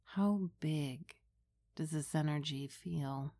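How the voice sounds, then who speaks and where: Slow, low-voiced woman guiding meditation. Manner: soothing, unhurried, gentle delivery. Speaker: meditation guide and hypnotherapist. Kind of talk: guided meditation.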